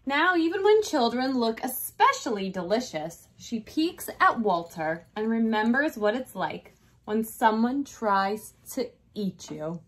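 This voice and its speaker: A thirty-something kindergarten teacher speaks directly to little children in a small decorated room, reading them a story and checking in with questions. Her voice is on the high side and sing-song, moving at a measured pace.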